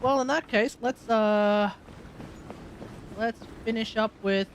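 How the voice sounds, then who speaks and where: A woman with a fairly high voice takes her time reacting casually and live as she streams a video game. Clear background noise and clicking can be heard behind her.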